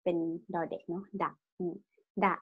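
A woman's voice: normal speed, narrow, tinny audio. A woman teaching a language class, patiently asking her students questions and drilling their pronunciation. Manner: tag-questions every phrase with polite particles. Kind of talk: online language lesson.

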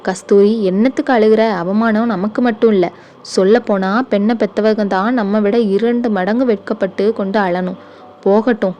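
Audiobook: woman reading as a hot-tempered elder brother, gruff and commanding, mellow low tone. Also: steady tone, moderate pace, lo-fi sound, natural voice. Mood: scolding. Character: stern proud older brother, quick-tempered.

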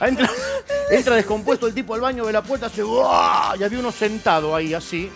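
High-voiced Argentine comedian spinning jokes. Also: male voice, quick pace. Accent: Argentine Spanish. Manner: rambling, animated, acts out voices and sound effects. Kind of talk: stand-up joke telling on TV. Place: TV studio. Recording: TV studio with background music.

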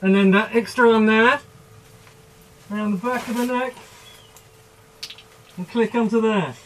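A man's voice: high voice, fairly even intonation, measured pace, slight background noise. A man reviewing gear in a chatty way, his voice muffled through the gas mask he is wearing. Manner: plain, chatty demonstrating. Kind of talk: casual product review.

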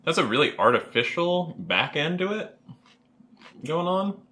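A man's voice: fairly high pitch, unhurried. A man talking while chewing as he gives loose, casual reactions in a food-tasting chat. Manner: relaxed, loosely worded reactions. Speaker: taste tester.

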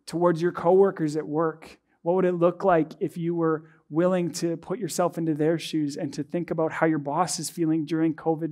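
A young man preaching a sermon from a church stage, earnest and measured, with many rhetorical questions. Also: a little high, darkish tone. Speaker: pastor. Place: dark church stage, indoors.

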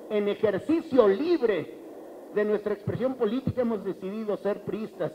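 A man's voice: high-pitched, dull audio, slight background noise. A middle-aged Mexican man giving an emphatic political speech with a handheld mic in a large banquet hall, repeating phrases for effect. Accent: Mexican Spanish.

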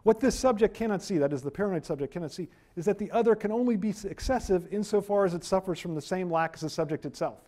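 Filmed from afar in a wood-paneled room, this middle-aged lecturer is lively and pokes fun at himself while his voice fades. He talks fast in a high voice, barely pausing.

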